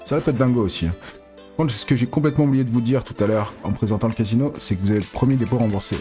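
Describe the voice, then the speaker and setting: A man giving excitable, casual live commentary as a casino streamer, pleading with the reels and swearing. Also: mid-range voice, very fast, soft background music.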